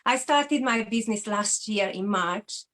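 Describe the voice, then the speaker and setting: This is personal testimony from an interview guest, a woman in her forties from Hungary who speaks with a Hungarian accent. She talks in an unhurried, medium-pitched, slightly bright voice, telling her story earnestly and openly.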